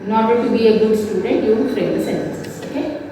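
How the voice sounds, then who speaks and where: Slow, high-voiced teacher in an echoey room. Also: female voice, dark tone. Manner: slow, repetitive, explains step by step to children. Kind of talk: online class lesson. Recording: echoey room from far off with faint noise.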